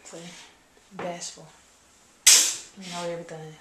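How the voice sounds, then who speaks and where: A woman's voice: on the low side, level tone, unhurried, a crowd in the background. A woman chatting casually in a small bathroom, playfully prodding and teasing the person she is filming. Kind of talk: casual chat. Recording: very noisy, echoey bathroom.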